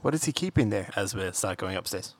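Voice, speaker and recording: A man's voice: fairly low pitch, expressive, a little fast. A man playing a tabletop game with friends, joking and pressing his questions. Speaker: player. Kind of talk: casual tabletop game play.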